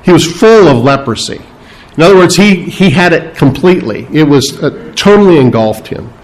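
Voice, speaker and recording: A man's voice: a little high, lively intonation, poor audio. A man preaching a verse-by-verse sermon, speaking unscripted with frequent fillers and restarts. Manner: unscripted, halting delivery with many fillers and restarts; explains scripture verse by verse, stressing key words. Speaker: pastor.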